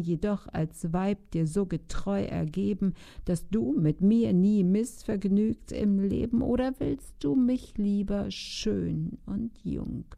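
A woman's voice: mid-range voice, vocal fry, dark tone. A woman voicing a cunning, ugly old woman who commands her new husband in rhyming verse. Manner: pleading then domineering, rhyming verse.

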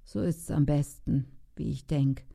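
A woman's voice: low-pitched, fairly even intonation, unhurried, gravelly, mellow, slightly rough, exaggerated voice. A woman voicing a dismayed young knight who laments and then gives in, speaking in rhyming verse. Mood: resigned.

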